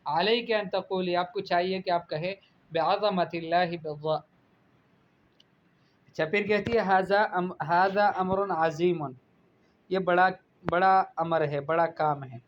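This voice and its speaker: A man teaching a lesson on Arabic pronunciation, reading phrases slowly and then translating and correcting them. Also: high-pitched. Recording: dull lo-fi audio with faint background noise.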